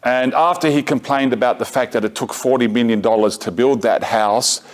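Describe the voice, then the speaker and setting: A middle-aged man gives a talk to a parish group, moving between points of argument and stories from his own life. His delivery is conversational and unpolished, full of restarts and self-corrections, with dry, wry asides. His voice sits at an ordinary middle pitch for a man. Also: moderate pace. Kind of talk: lecture mixed with personal anecdote. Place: parish gathering room.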